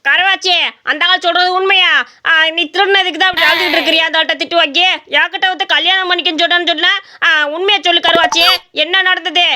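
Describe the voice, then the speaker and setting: Woman voicing a shrill blustering village uncle. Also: fairly even intonation, fast talker, full character voice. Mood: scolding. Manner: blustering, shouting challenges. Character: bossy loudmouth village man, an uncle. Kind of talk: Tamil cartoon story voice acting.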